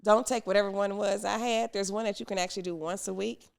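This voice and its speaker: Animated gravelly-voiced woman telling a story. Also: medium pitch, quick pace. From United States. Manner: animated, acts out quoted people, laughs often. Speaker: podcast host. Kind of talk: storytelling podcast monologue.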